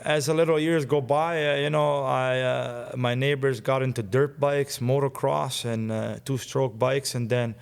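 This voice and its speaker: A man in his forties sits as a guest and tells stories in an eager, rambling way, chuckling often. His voice sits at an ordinary middle pitch. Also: flat delivery, moderate pace, creaky, hardly any pauses, smooth. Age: 40s. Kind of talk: casual storytelling chat.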